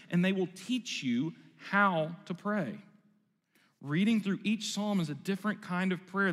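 A man's voice: high-pitched, fairly bright tone, big-room sound. A male pastor giving a sermon in a church, conversational and self-deprecating. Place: church sanctuary.

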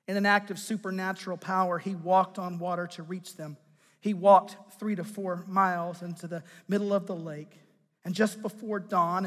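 A male pastor preaching a sermon, swinging between loud emphatic lines and hushed low ones, and putting direct questions to the listeners. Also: in a large hall.

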